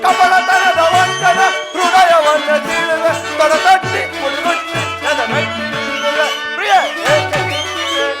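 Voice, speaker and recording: A man's voice: very high voice, steady tone. A man playing the warrior prince Bhima, a devoted husband, singing verses and declaiming stage dialogue in a village mythological play. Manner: slow drawn-out singing, loud theatrical declamation. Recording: live stage recording with loud music.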